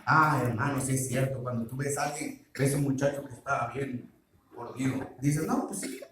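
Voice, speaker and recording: A man's voice: medium pitch, fairly even intonation, normal speed, noisy background. A man preaching a sermon on marriage, quizzing the congregation with call-and-response questions. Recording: very echoey hall, mic far off.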